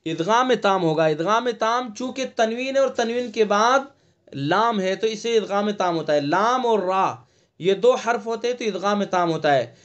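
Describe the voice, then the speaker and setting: A man teaching an online Quran recitation class, patiently explaining how each letter is sounded and chanting verses slowly with long drawn vowels. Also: sits high, expressive, fairly bright tone, muffled recording. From India. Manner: patient step-by-step explaining, checks "ٹھیک ہے؟".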